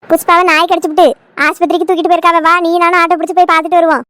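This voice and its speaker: A woman's voice: extremely high pitch, little pitch movement, very fast, a bit bright, no echo, studio quality. A woman voicing a bossy middle-aged woman in a cartoon, gossiping and scolding. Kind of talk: cartoon comedy voice acting.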